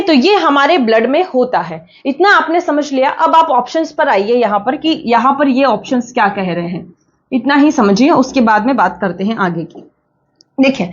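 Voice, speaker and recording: High-voiced woman teaching a class. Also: lo-fi sound. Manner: explains slowly, repeats points, asks and answers her own questions. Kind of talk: online exam-prep class.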